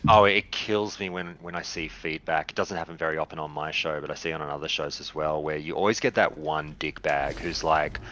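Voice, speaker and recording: A man who hosts a podcast, chatting casually while gaming, animated and swearing, often mimicking other people. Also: very deep voice, brisk, hardly any pauses, highs cut off, slight background noise. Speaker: podcast host.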